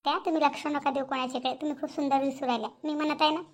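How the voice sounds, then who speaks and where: A woman's voice: high voice, rapid-fire. A woman voicing an eager young daughter-in-law. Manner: eager, flattering.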